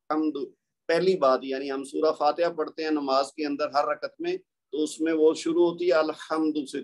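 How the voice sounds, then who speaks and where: پاکستانی لہجے میں صبر سے سمجھاتا استاد. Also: male voice, fairly high pitch. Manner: patient, explains slowly, drags out letter sounds as examples. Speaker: Quran recitation teacher. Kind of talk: online class lecture. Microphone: computer mic on a video call.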